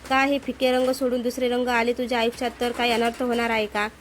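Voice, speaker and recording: A woman's voice: fairly high pitch, little pitch movement, fast talker, a little hiss or hum, natural voice. A woman voicing a confident young male office boss who coaxes and insists. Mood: persuasive. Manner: coaxing, insistent.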